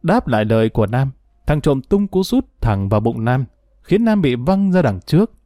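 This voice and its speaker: A man narrating a dramatic audio story with expressive, emotional delivery. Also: mid-range voice, moderate pace, no room sound, studio quality.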